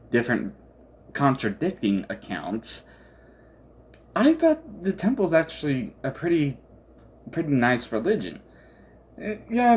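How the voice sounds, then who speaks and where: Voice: medium pitch, darkish tone. A game commentator chatting casually and hesitantly about a game, rambling and often trailing off mid-thought.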